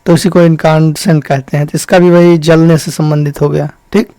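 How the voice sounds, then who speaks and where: A man teaching an exam-prep vocabulary lesson. He explains step by step, checks in often, and reads the English definitions slowly. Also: fairly high pitch, flat delivery, warm tone, no room sound. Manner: explains step by step, keeps saying "ṭhīk" to check in.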